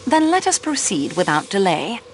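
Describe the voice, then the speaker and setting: Woman as a composed French investigator, measured questions, faint hiss behind. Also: mid-range voice, lightly acted. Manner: calm, formal questioning. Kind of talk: video game voice acting.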